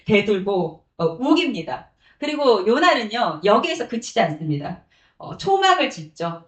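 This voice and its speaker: A woman evangelist preaching a sermon with personal testimony, acting out quotes and laughing often. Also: on the high side. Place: church sanctuary. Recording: echoey church room.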